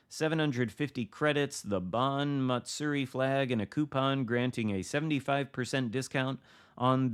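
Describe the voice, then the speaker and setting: A man's voice: mid-range voice, smooth. A man reading video game patch notes aloud, breaking off into casual, wry, offhand asides. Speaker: gaming content creator reading patch notes.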